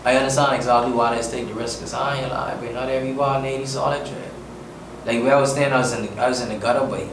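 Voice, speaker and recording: Talking fast with a steady, medium-pitched voice, a male musician from the Bahamas guests on a casual interview. He speaks earnestly and emphatically in a Bahamian accent, using slang, and the distant mic picks up an echoey room and faint noise.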